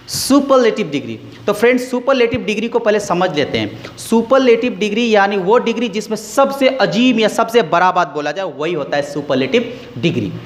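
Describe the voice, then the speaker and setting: A man teaches a grammar lesson in a high, very animated voice that leaps up and down as he stresses each point. He goes over terms again and again and keeps quizzing his listeners. The room gives his voice a long, ringing reverb. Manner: explains slowly, repeats key words, quizzes listeners.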